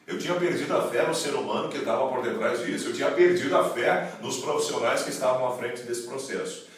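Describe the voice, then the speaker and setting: A man's voice: medium pitch, fast. A man addressing viewers in an emphatic, preacher-like promotional video, recorded in an office. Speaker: network marketing promoter. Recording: echoey room, mic far off.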